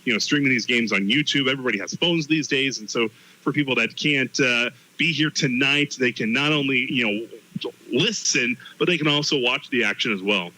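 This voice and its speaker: A man's voice: mid-range voice, normal speed, bright, forceful tone, poor audio. A man co-commentating on a live sports broadcast, talking conversationally from the booth. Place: stadium press booth.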